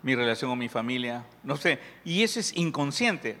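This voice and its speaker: A man's voice: medium pitch, big pitch swings, normal speed, sharp tone. Peruvian man preaching in an echoing hall. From Peru. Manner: conversational, jokes with the audience, asks questions. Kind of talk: sermon with audience questions. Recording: long hall reverb.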